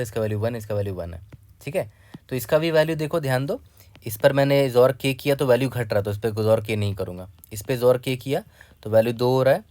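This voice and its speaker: A man in the middle of his pitch range walks viewers through a coding problem step by step. He talks conversationally, keeps asking if things are clear, and drops in technical terms. The recording is close and dry, with no room echo. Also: a little mellow. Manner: conversational, repeats "ठीक है" often and addresses the viewer directly. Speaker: coding tutor. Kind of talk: explaining a coding problem on a whiteboard.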